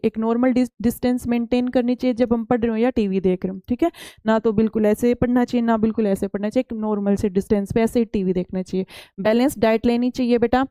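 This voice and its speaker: A woman science teacher explaining slides to children, reading the lines slowly and then talking them over in Hindi. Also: a little high, warm tone, smooth, dry recording, poor audio. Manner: calls students beta and asks them questions. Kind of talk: classroom lesson explaining slides.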